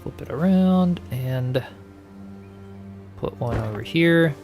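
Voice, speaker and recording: Soft background music accompanies a game streamer's relaxed chat as he plays and responds to viewer comments. His mid-range voice is expressive, slow, and a little mellow, and his easygoing musings often trail off.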